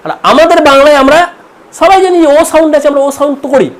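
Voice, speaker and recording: Male teacher, from India, rapid delivery, explaining pronunciation and repeating sample words. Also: very high voice. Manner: explanatory, repeats words slowly to model sounds. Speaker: English teacher. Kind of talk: online pronunciation lesson.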